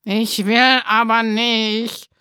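A woman's voice: mid-range voice, lively intonation, measured pace, a bit bright, no room sound, studio quality. A woman voicing a sulky, defiant young girl who talks stubbornly and pouts, in a storybook reading. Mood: defiant sulking. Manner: stubborn, pouting.

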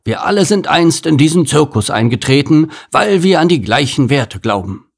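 A man's voice: a little high, very animated, normal speed, gravelly, pitched above the performer's own voice, heavily acted. A man reading a storybook and voicing a grumbling, overworked male circus gorilla who thinks himself an artist. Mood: pompous. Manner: grumbling, complaining, pompous when speechifying.

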